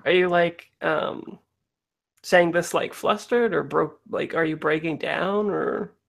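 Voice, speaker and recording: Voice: medium pitch, slow, vocal fry, fairly bright tone. A player in a tabletop roleplaying game, talking casually and tentatively while improvising a character's moves.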